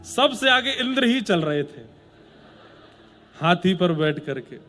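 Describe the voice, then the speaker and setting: A man's voice: sits high, big pitch swings, takes it slowly, sharp tone, faint music behind. A man preaching a devotional sermon as a storyteller, playful with joking asides.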